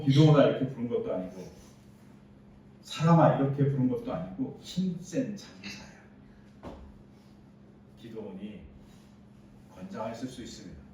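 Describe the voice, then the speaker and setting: Male pastor preaching, mid-pitched and mellow, picked up from far off in an echoey sanctuary. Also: slight background noise. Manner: explaining scripture with quoted dialogue, rising emphasis. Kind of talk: sermon. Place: church sanctuary. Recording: distant roomy church recording, dull sound.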